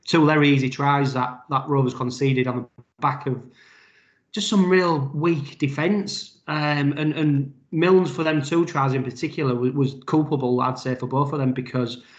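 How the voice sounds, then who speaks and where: A man's voice: medium pitch, normal speed. A man, co-hosting a casual rugby league podcast, breaking down plays in a chatty, analytical way. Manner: chatty, analytical, many fillers. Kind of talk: casual sports chat. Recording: dull roomy podcast audio.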